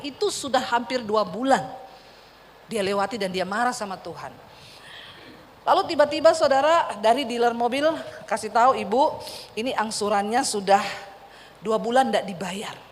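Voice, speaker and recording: High-voiced woman preaching in a hall. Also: slight background noise. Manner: storytelling with emphatic repeated cries. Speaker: pastor. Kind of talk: sermon. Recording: reverberant church hall, faint ambience.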